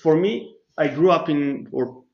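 A man from Bulgaria, a startup CEO, answering interview questions in a measured, explanatory way, with restarts and thinking pauses. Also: on the high side, vocal fry, muffled recording.

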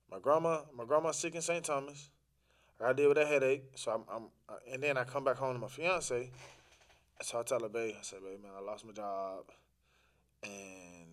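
On a podcast, a male guest with a medium-pitched voice tells a personal story casually, using informal, slangy and sometimes profane language. He acts out quoted dialogue and repeats phrases for emphasis.

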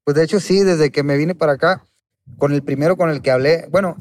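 A man's voice: on the high side, a little fast, a little mellow, no room sound, studio quality. A man speaking casually in slangy street talk as an interview guest. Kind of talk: casual chat.

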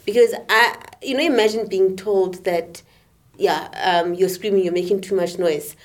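A young woman co-hosting a podcast from South Africa, speaking in a measured, reflective way in short halting phrases. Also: mid-range voice, fairly even intonation. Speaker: podcast co-host. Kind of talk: candid conversation.

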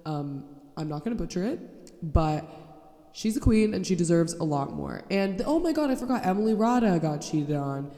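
A young woman hosts her solo podcast in a lowish, mellow voice with lively intonation and a moderate pace, though a cold makes her nasal. She rants casually, bluntly and sarcastically, swearing as she goes. Her mic is held wrong, leaving an echoey, roomy sound.

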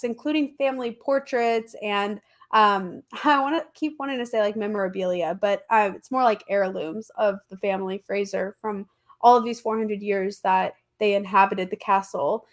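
Here a podcast host with allergy congestion tells history casually, leaning on slang and emphatic, informal chatter. Her mid-range voice holds a steady tone and moves at a moderate pace.

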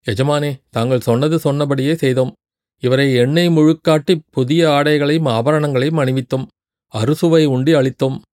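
A servile palace guard, as a male narrator puts him on, humbly making excuses to his master in an audiobook. Plain male pitch, dry and close. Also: fairly even intonation, normal speed, darkish tone, dry recording, lightly acted. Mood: defensive.

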